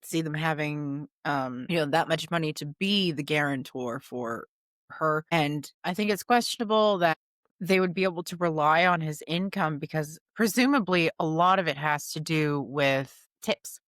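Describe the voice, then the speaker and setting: A woman's voice: deep voice, moderate pace, fairly bright tone, no echo, studio quality. A woman co-hosting a podcast with short wry comments, while she has the hiccups. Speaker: podcast co-host. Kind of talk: casual recap chat.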